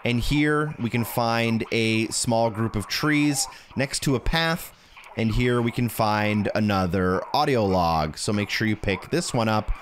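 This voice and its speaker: Speaking directly to the viewer, this man walks through a video game in a relaxed, instructional style as a guide creator. He talks a little slowly in a lowish voice, and faint hiss or hum can be heard.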